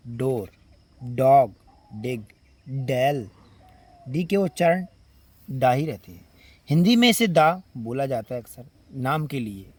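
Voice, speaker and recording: A man with an Indian Hindi accent teaching English letter sounds, repeating example words one by one. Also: medium pitch. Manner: slow, drawn-out word-by-word pronunciation drills. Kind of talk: spoken phonics lesson.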